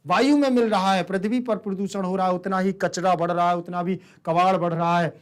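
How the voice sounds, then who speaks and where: A man's voice: high-pitched, fairly even intonation, brisk, smooth. A man with a Hindi-speaking Indian accent, teaching a Sanskrit lesson. He asks his students questions and then answers them himself.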